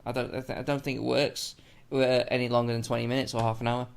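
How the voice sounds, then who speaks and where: A man's voice: medium pitch, level tone, fast talker, gravelly, clear, resonant tone. Male podcast co-host, hesitant and rambling, lots of likes and ums. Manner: hesitant, rambling, filler-heavy. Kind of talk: casual film-commentary chat.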